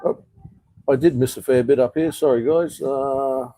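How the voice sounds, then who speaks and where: A man's voice: mid-range voice, fairly even intonation, normal speed, warm tone, no echo, poor audio. An Australian man hosting a casual live chat, reading viewer comments and answering bluntly, swearing often and calling people "mate".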